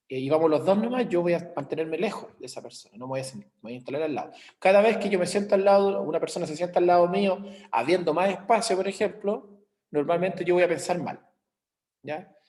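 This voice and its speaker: A man with a Chilean Spanish accent teaches an online class over a video call, picked up by his computer mic. He explains with everyday examples and checks in with his students, speaking quickly in a slightly high, somewhat mellow voice.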